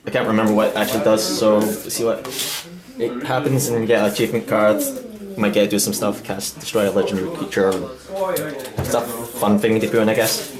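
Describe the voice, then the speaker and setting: A man hosting a casual walkthrough in a busy game store at a midnight event, talking in a halting, stop-start way. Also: on the low side, little pitch movement. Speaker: host opening card packs. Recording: echoey room with crowd chatter.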